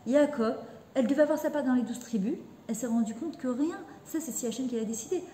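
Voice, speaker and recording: A woman's voice: high-pitched, fast, dark tone, slight background noise. Earnest woman teacher in an echoey room. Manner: earnest, heartfelt, mixes in Hebrew terms. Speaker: religious teacher. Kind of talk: spoken religious lesson.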